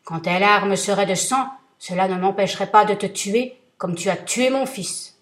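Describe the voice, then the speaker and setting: A woman voicing a huge, ancient male genie, loud, menacing and relentless in his vengeance. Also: mid-range voice, moderate pace, close to an everyday voice.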